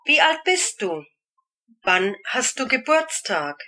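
A woman examiner puts short questions very slowly and deliberately. Her voice is bright and slightly high. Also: very animated. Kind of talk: slow, clear exam prompts.

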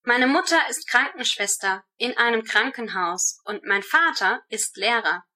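A student recites her prepared answers for a speaking exam in a steady, measured way. Her voice is a touch high, bright and clear.

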